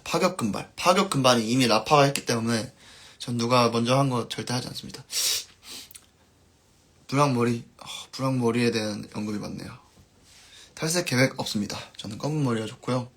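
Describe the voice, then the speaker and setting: This band musician, a man, reads out viewer comments while chatting on his live stream, and his sentences trail away gently. His voice is mid-range and brisk, with frequent pauses.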